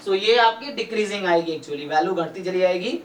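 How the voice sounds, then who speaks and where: Brisk and high-pitched with lively intonation, a man teaches statistics and maths in a doubt-clearing online class, explaining problems step by step in a Hindi-English mix and checking whether students understand. The mic sounds roomy and distant, with faint noise.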